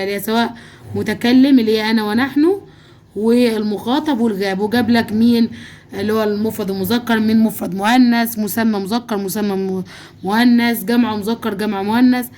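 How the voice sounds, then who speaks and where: A woman's voice: fairly high pitch, a little mellow, slight background noise. A woman with an Egyptian accent teaching a primary school Arabic lesson from a worksheet, patiently checking in with her students as she goes. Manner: patient, checks in with "okay?" often.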